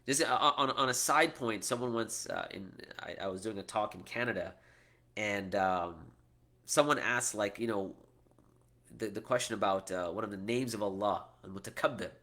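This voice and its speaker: In a lowish, pushed, bright voice at normal speed, a middle-aged man from the US, an Islamic teacher, fields questions in an informal talk. He keeps it conversational, restarting often and tacking "right?" onto the end of many points.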